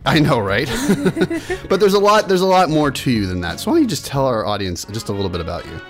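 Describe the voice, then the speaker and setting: A man's voice: mid-range voice, very animated, fairly quick, over music. A man hosting a podcast, friendly and asking his guests questions in casual chat. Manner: friendly, asks questions, laughs. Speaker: podcast host.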